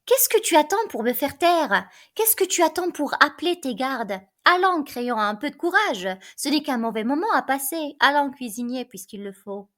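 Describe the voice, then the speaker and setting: A defiant, scornful young woman set on dying, as a woman reads the part aloud. Her lines come sharp and taunting, in a fairly high voice. It is a plain play reading, not full acting. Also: lively intonation, normal speed, hardly any pauses.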